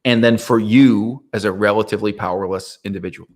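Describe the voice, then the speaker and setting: A man talking through a political topic in a casual monologue, rhetorical and animated, often checking in with "right?" and laughing mid-sentence. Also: fairly low pitch, fairly quick. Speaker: political commentator.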